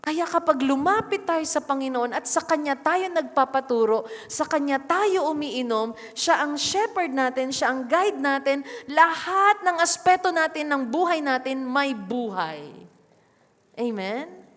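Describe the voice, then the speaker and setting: A woman's voice: sits high, lively intonation, measured pace, a bit bright. A woman with a Filipino accent preaching a sermon, switching between Tagalog and English and often asking the congregation questions. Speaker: pastor. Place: church. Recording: long reverb of a church hall.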